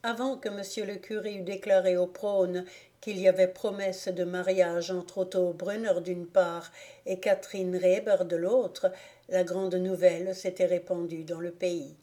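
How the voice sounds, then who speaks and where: A woman reading a classic storybook aloud in a measured, expressive way. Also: fairly low pitch. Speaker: audiobook reader. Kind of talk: storybook narration.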